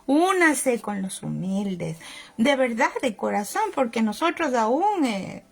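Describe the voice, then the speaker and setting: Gravelly woman preaching a sermon. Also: fairly high pitch, big pitch swings, slow pace. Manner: storytelling, acts out voices in the story.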